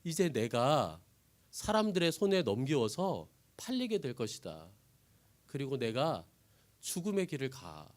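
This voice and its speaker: A man voicing Jesus in a sermon, speaking low, slow and measured. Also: very animated. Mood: grave. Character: solemn male Jesus, calm and commanding.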